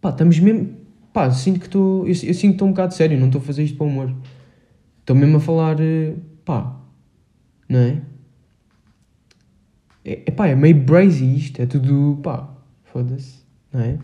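This teen podcast host talks alone in a relaxed monologue, his Portugal Portuguese accent clear as he wanders through topics with hesitation, slang, and plenty of fillers. The voice is on the high side and warm, moving a little fast but broken by long pauses.

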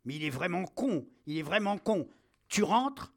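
A man doing a furious shouting army captain. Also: fairly high pitch, expressive, normal speed. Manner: shouting, insulting, commanding.

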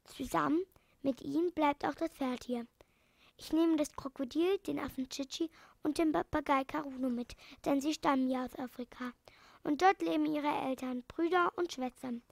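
A gentle, kindly old animal doctor from a children's storybook, speaking in a soothing tone, as a woman reads him aloud. The voice sits high and carries a gravelly edge, close and dry. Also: moderate pace, no room sound.

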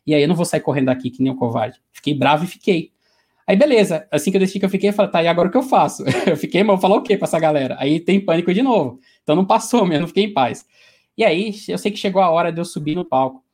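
Fast-talking Brazilian motivational speaker. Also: male voice, sits high. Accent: Brazilian Portuguese. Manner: animated, conversational storyteller. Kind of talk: storytelling in an interview.

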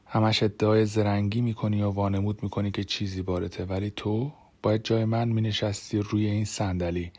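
A man voicing a hushed, bitter woman patient. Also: lowish voice, little pitch movement, few pauses, lightly acted. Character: silent troubled woman patient, accusing.

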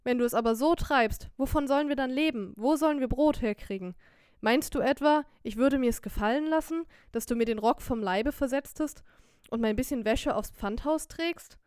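A woman playing a loud, wailing young wife. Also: fairly high pitch, normal speed, smooth, dry recording, clean studio sound, close to an everyday voice. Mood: scolding. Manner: loud, scolding, theatrical lament. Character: young poor wife, quick-witted, scolding and wailing. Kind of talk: audiobook character voice.

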